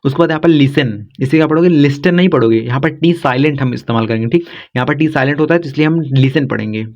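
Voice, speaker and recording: A man gives a vocabulary lesson at a middle pitch, repeating each word and checking in again and again. The recording is a bit dull and lo-fi. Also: racing. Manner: repetitive, keeps saying "thik hai". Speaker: English teacher. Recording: slightly dull lo-fi sound.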